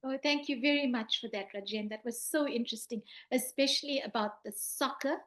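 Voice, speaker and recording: A woman's voice: on the high side, fairly quick. Talk show host woman asking formal questions. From South Africa. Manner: warm and appreciative, asking long formal questions. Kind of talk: hosting a panel talk.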